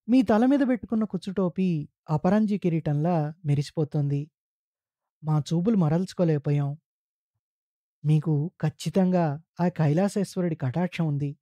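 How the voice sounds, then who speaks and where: A man reading the quoted words of a kind woman companion in an audio story, measured and earnest. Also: on the high side, mellow, no echo, lightly acted. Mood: admiring. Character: kind middle-aged woman companion, admiring.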